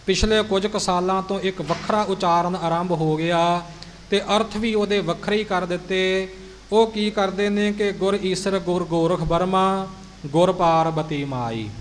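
A man teaching exact pronunciation of scripture, speaking deliberately and repeating words syllable by syllable. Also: high voice, steady tone. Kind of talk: instructional explanation. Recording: reverberant hall, faint noise.

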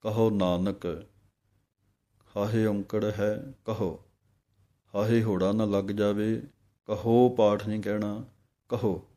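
A man teaching scripture pronunciation in a santhya lesson. He recites each line slowly and then explains how each letter and vowel sign should sound. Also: fairly low pitch, flat delivery, warm tone.

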